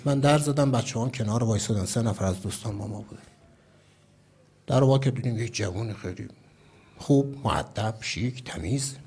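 A man from Iran, a cleric, telling a story in a sermon, dropping to hushed asides and then rising to loud, emphatic declarations. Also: mid-range voice, breathy edge.

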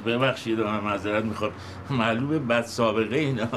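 A man's voice: lowish voice, steady tone, noisy background, close to an everyday voice. An actor playing an eager, apologetic older man starting his first day as a taxi driver. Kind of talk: TV series acting.

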